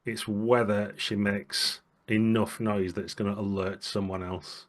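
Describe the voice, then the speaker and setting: A man acting as narrator in a tabletop game, describing the scene in a measured, descriptive way. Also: fairly low pitch, little pitch movement. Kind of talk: tabletop role-play narration.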